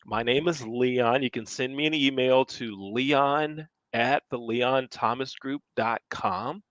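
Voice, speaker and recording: A man's voice: mid-range voice, slow, fairly bright tone, no echo. A man co-hosting a podcast in a casual, upbeat, chatty way, often repeating his words. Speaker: podcast co-host. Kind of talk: casual chat.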